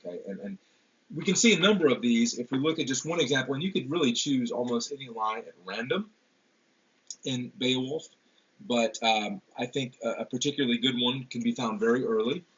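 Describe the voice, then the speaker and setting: A man giving a classroom literature lecture, pausing often with ums and repeated words. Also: mid-range voice, a bit bright, breathy edge. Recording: dull lo-fi lecture recording.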